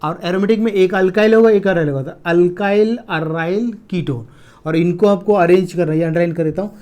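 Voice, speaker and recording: A middle-aged man with an Indian accent teaching chemistry in a classroom lecture, mixing in English terms and slowly repeating key words as he writes them on the board. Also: high voice, a little mellow. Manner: explains patiently, repeats key terms slowly while writing.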